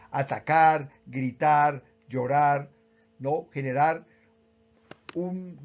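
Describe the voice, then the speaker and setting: A man with a Colombian accent, calmly explaining how emotions work with everyday examples. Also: fairly high pitch, highs cut off. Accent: Colombian Spanish. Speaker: speaker on emotional education. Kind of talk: explanatory talk.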